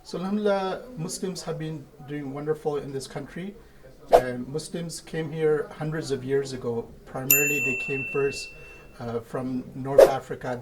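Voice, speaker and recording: A man from India, an imam, answering interview questions in a measured way and laying out his points one by one. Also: mid-range voice, a little mellow, slight background noise. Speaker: imam of a mosque.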